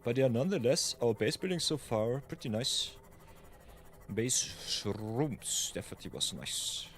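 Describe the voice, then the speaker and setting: A man's voice: mid-range voice, expressive, a little slow. A man from Austria chatting casually while streaming a game, thinking aloud as he plays. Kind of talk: live gameplay commentary.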